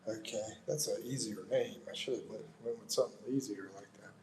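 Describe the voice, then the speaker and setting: A man's voice: fairly low pitch, a little fast, a little mellow, a little hiss or hum, poor audio. A middle-aged American man hosting a livestream, casually reading viewer comments aloud and chatting back loosely, calling people "bro". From United States. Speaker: livestream host.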